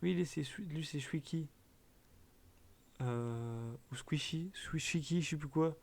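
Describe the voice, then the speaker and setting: A young man chatting casually as a gaming video host, giving blunt quick verdicts with trailing fillers. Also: a little high, creaky. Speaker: gaming YouTuber. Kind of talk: casual commentary.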